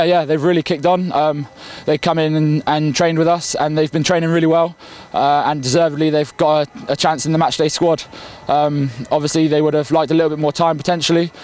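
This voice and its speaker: A young man, a rugby player, giving quick post-match answers full of ums, outdoors at night into a handheld mic. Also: on the high side. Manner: quick, flat, filler-heavy answers. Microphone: handheld interview mic.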